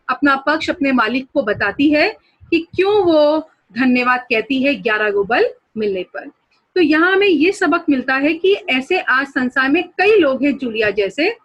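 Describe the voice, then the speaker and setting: A high-voiced woman teacher giving an online lesson. She reads a story passage by passage, explains it patiently and has her students note down new words. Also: fairly bright tone, low-quality recording. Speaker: school teacher.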